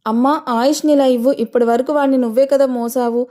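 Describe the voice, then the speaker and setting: A woman voicing a young mother who talks in a quick, anxious, caring way in an audio story. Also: high voice, fairly even intonation, dark tone, lightly acted.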